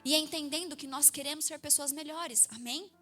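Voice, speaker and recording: A woman in her thirties with a Brazilian Portuguese accent, a pastor preaching a sermon in a church, telling stories with lively acted-out voices. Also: high-pitched, normal speed, soft background music. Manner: lively storytelling, acts out quoted voices.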